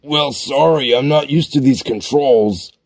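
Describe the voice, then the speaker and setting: A man voicing a whiny, easily flustered young male monster who snaps in a comic gaming sketch. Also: medium pitch. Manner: whining, quick to snap.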